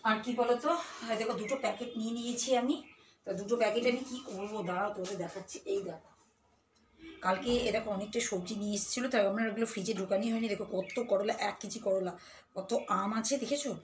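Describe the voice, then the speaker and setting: A woman's voice: mid-range voice, fast, slight background noise. A woman chatting casually to her viewers while cooking in her home kitchen, talking straight to them and now and then using baby talk with a child. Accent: Bengali.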